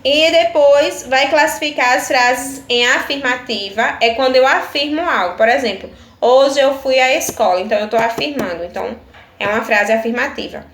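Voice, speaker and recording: Patient Brazilian teacher in an echoey room. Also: female voice, sits high, moderate pace, fairly bright tone. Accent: Brazilian Portuguese. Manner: patient, explains step by step, often asks "tá certo?". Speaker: primary school teacher. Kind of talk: recorded video lesson for children. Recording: echoey room with faint ambient noise.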